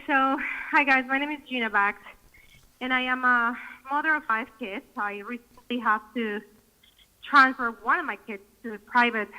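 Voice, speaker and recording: A woman's voice: a little high, sharp tone. A woman, a parent giving an indignant public comment at a school board meeting, heard over a speakerphone. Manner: indignant, confrontational. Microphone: phone. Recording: muffled phone line on speakerphone.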